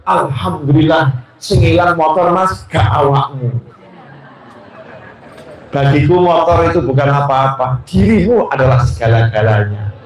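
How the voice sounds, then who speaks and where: Gentle devout young wife, put on by a male preacher, slow, echoey hall. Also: a little high, pitched below the performer's own voice. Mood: tender.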